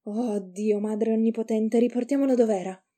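Woman voicing Bill, a jittery rough young man. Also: a little high, steady tone, moderate pace, dark tone, close to an everyday voice. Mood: nervous. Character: rough young man, nervous, body snatcher.

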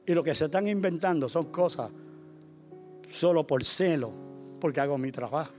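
An older man, a retired pastor preaching a sermon, repeating his phrases and swinging between quiet storytelling and loud exhortation. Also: on the high side, normal speed, faint music behind. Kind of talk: sermon with personal stories.

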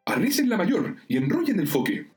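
A man's voice: a little high, huge pitch swings, fairly quick, roomy sound, faint music behind, pitched above the performer's own voice. A man playing a stern woman captain. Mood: commanding. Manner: firm, solemn commands. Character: stern woman captain, commanding sailing crew.

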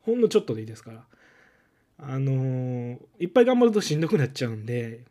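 A man with a Kansai accent hosting a podcast in a casual solo talk, his voice held low and strained from a lingering cough, speaking gently with many soft fillers in a makeshift room instead of his usual studio. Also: very animated, fast talker. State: strained, lowered voice from a cough illness. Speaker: podcast host.

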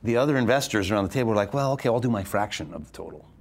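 A venture capitalist from Arizona, USA, answers interview questions quickly and with lots of energy, often restarting his sentences. His voice is lowish and gravelly.

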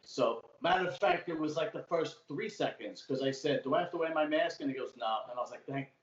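A man from Brooklyn, New York, with an old-school accent and a slightly high, fairly quick voice, chats casually as a podcast guest. He's a talkative storyteller who spins long tales and swears freely. He's on a remote call from a room at home, and the audio is echoey, dull and lo-fi.

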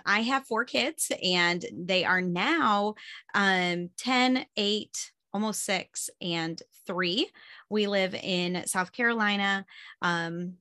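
A woman in her thirties with a light Midwestern American accent talks easily as a podcast guest, filling her sentences with ums. Her voice is bright and forward, and the recording is dry and close. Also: medium pitch, no echo. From Michigan and Chicago area. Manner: chatty, many fillers, laughs often. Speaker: podcast guest, homeschool mom and music teacher. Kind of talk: casual interview chat.

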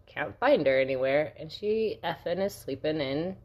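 A woman's voice: low-pitched, lively intonation, normal speed, highs cut off. A middle-aged woman co-hosting a podcast, talking in a blunt, venting way and swearing freely in casual chat. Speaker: podcast co-host.

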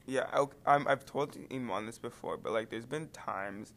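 Hesitant teen boy, bright voice. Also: mid-range voice, normal speed, gravelly. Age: teens. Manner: rambling, hesitant, many fillers. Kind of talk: casual chat.

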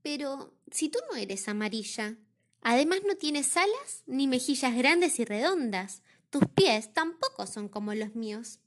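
A woman's voice: high voice, animated, a little slow. An Argentine woman voicing a tiny, lonely young male bird in a storybook reading, in a pleading, childlike way. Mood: doubtful. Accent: Argentine Spanish. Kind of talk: storybook read-aloud.

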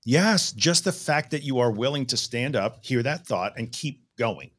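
A man's voice: mid-range voice, animated, a little slow, fairly bright tone. A man co-hosting a podcast, speaking casually and encouragingly, often repeating short phrases for emphasis. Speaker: podcast co-host.

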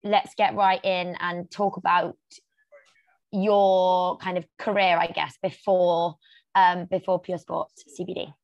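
A podcast host reads a scripted intro, then asks questions in a friendly manner with a few hesitant ums. She speaks slowly in a lowish voice with little change in pitch. The audio is dull.

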